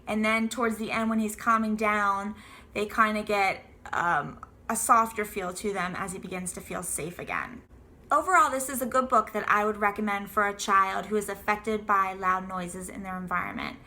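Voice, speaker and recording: A woman's voice: medium pitch, steady tone, moderate pace, pushed and bright. A woman in her thirties giving an earnest, prepared children's book review to camera, explaining steadily with the odd um. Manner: earnest, explanatory, occasional ums.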